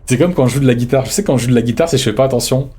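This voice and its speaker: A man streaming a game live, thinking aloud in a relaxed, reflective way as he chats with his viewers. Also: mid-range voice, very fast, husky. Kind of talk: live gameplay commentary, chatting with viewers.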